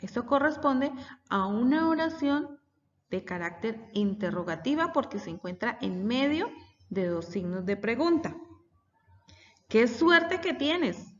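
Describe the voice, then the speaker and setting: Recorded from a distance, a woman with a fairly high voice teaches children, patiently explaining and reading sample sentences aloud. The recorded lesson has a dull sound and long reverb.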